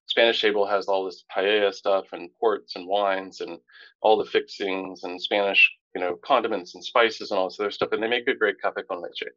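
Casting: low-voiced male podcast co-host, animated storyteller, dull dry lo-fi recording. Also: brisk, no room sound. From Tampa, Florida. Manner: animated storyteller, rising pitch when indignant. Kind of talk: casual storytelling chat.

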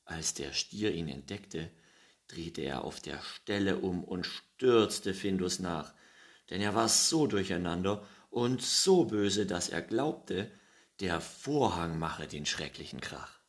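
A man reading a children's story aloud, with a lively, animated manner. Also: low voice, slow pace. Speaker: narrator.

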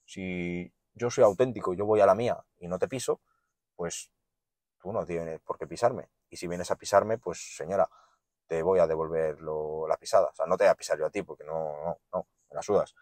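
A man's voice: sits low, normal speed, no room sound. Blunt, profane man ranting. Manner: blunt, profane, animated storytelling. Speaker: podcast host. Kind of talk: casual monologue.

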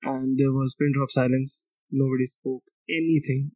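A man's voice: mid-range voice, fairly even intonation, normal speed, a little mellow, dry recording, poor audio. Rambling self-mocking young man, dry close sound. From India. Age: young adult. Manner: rambling, self-mocking, laughs often, swears. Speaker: podcast host. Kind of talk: casual solo podcast monologue.

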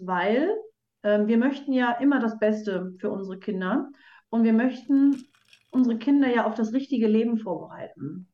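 A woman talks earnestly as a guest in an interview, explaining her ideas through everyday examples. Her voice sits fairly high and keeps pausing on fillers. The recording sounds roomy and dull, like a lo-fi setup. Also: a little mellow. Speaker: children's book author, guest. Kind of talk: conversational podcast interview.

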